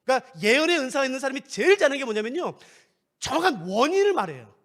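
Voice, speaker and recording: High, lively middle-aged pastor preaching. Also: male voice, racing. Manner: animated, playful, acts out scenes. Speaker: guest pastor. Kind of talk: sermon. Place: church sanctuary.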